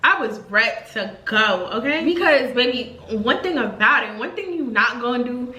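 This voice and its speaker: Young woman, 20s, vlogger, casual storytime delivery, chatty and slangy, voice a touch high, echoey room. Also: moderate pace. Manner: chatty and expressive, heavy slang and fillers.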